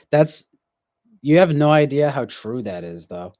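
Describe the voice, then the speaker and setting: With big pitch swings in a fairly high voice, a man in his twenties hosts a stream, talking slowly as he reads viewer comments. He rambles reflectively, stumbling through fillers and restarts, captured in clean studio sound without echo.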